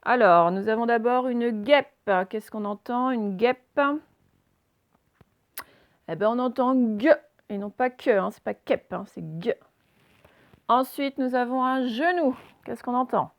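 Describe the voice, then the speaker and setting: Woman teacher, phonics lesson; slightly high, fry-edged voice, slow and deliberate, quizzing the class. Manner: slow and deliberate, sounding out letters and quizzing listeners.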